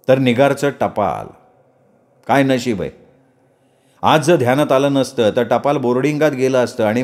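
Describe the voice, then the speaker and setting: A man narrating a first-person story in a conversational, lively storytelling manner. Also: mid-range voice.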